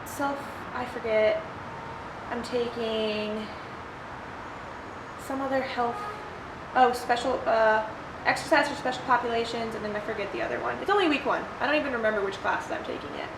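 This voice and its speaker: Young woman, athlete vlogger type, highish voice, blunt off-the-cuff Q&A delivery, roomy echo and noticeable background noise. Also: normal speed, pauses often. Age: young adult. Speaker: athlete answering viewer questions. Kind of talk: casual solo Q&A vlog. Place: ice bath, sheltered outdoors or open to rain.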